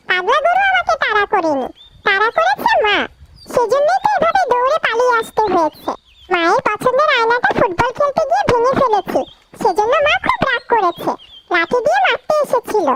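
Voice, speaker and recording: A woman's voice: extremely high pitch, sing-song, brisk, very noisy. A woman voicing a naughty young boy in a cartoon who is cheeky and fond of chips, whining and pleading. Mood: boastful. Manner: pleading and whiny. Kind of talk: cartoon voice acting.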